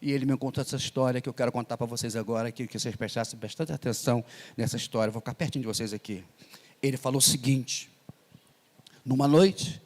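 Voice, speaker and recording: An older Brazilian man preaching in a reverberant church hall, his sermon spilling out quickly in a hurried, animated rush. His voice sits a bit high for a man, and he keeps turning to banter with the congregation as he tells his story. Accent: Brazilian Portuguese. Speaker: missionary pastor.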